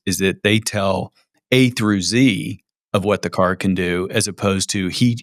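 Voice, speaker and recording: A man's voice: low-pitched, dry recording, studio quality. A man hosting a business podcast, reflecting on what his guest said and asking follow-up questions. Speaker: podcast host. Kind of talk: interview hosting.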